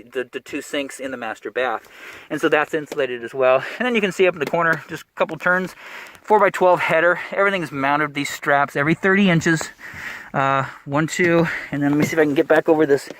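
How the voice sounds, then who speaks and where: A man's voice: on the high side, fairly bright tone. A man, a plumbing contractor, giving a casual, rambling job-site walkthrough in a cramped attic, out of breath behind a mask. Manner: quick, rambling, with fillers and restarts.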